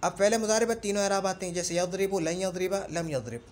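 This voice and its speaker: A man teaching Arabic grammar in a classroom lesson, reciting lists of rules slowly and repeating them, and checking in often as he explains. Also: high voice. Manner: explains patiently with frequent check-ins.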